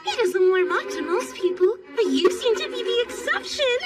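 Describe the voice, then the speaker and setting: A woman's voice: very high voice, sing-song, normal speed. A woman playing a scheming, gushing young anime noblewoman in an overacted English dub. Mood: sweet. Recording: distant sound under loud music.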